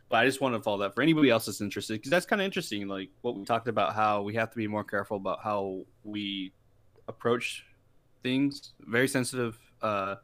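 A young man with a fairly low voice co-hosts a casual podcast. He rambles easily, leaning on fillers as he goes. The sound is close and dry, with no room around it. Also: fairly quick, fairly bright tone, no echo. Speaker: podcast co-host. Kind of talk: casual chat.

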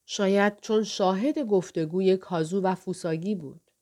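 Measured woman narrating an audiobook. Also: mid-range voice, dark tone.

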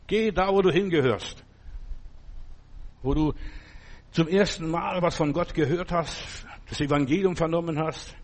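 Male pastor, fairly high-pitched, fervent, direct sermon delivery with loose storytelling. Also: a little slow, long pauses. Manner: fervent, direct preaching to a single listener.

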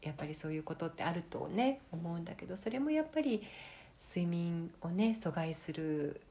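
A woman co-hosting a casual wellness podcast, speaking gently and haltingly, often checking for agreement. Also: fairly low pitch, very animated. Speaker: podcast co-host. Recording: noticeable background noise.

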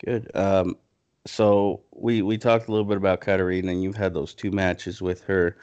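Male podcast host, low and monotone, halting interviewer. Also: clean tone, dull audio. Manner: halting, restarts questions. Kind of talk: casual interview chat.

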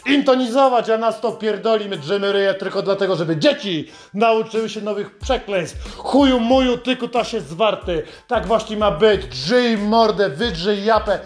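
A man's voice: sits high, normal speed, hardly any pauses. A man hosting a podcast, delivering a sarcastic, heavily profane satirical monologue. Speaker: podcast host.

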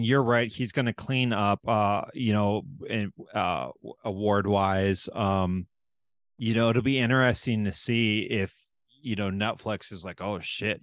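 A man's voice: medium pitch, steady tone, no room sound, studio quality. Stammering man in casual podcast chat. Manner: halting, repeats words, swears casually. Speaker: podcast host.

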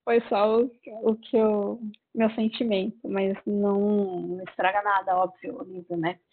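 A woman's voice: medium pitch, little pitch movement, unhurried. A woman with a Brazilian Portuguese accent, casually retelling a book's plot in a rambling way with many fillers. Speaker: book reviewer. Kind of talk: casual book review chat. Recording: tinny phone-like sound.

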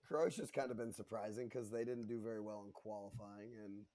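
Lowish voice dude on a soccer podcast, cracks jokes, says stuff twice. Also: male voice, fairly even intonation, fairly quick, crowd noise. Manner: joking, repeats his points. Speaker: podcast co-host. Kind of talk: casual sports chat.

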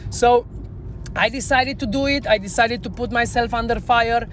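This podcast guest, a bar trainer, is a woman with a Romanian accent whose first language is Romanian, though she speaks English here. Her voice sits on the high side and she talks at a moderate pace. The story she tells is candid and self-reflective, delivered earnestly with non-native phrasing.

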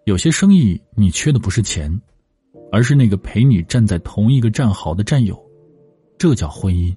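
A man's voice: lowish voice, animated, moderate pace, dark tone, husky, soft background music. A man reading the lines of a husband who struggled to keep his restaurant going, in a reflective tone.

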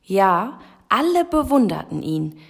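A young woman reads a rhyming children's picture book aloud, unhurried and gentle. Her delivery is expressive, dipping into soft whispers for the quiet moments, with a voice that sits in a middle pitch. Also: vocal fry, slightly rough. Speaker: storybook reader.

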